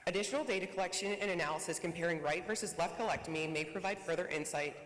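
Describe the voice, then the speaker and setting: A researcher giving a conference presentation and reading quickly from a prepared script. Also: medium pitch, a bit bright. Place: conference hall. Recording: echoey conference hall reverb.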